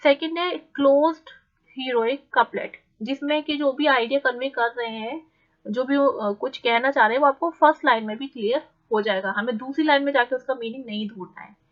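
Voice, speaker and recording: Higher-voiced woman teaching patiently. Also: dull audio. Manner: explains patiently, slows right down when reading English definitions. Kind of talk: exam-prep lecture in Hindi and English.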